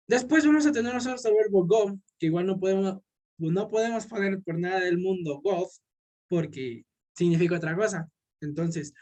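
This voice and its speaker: A male English teacher giving a recorded classroom lesson, who checks in constantly with "ok?" and slows down on each English example word. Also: sits high, a little mellow.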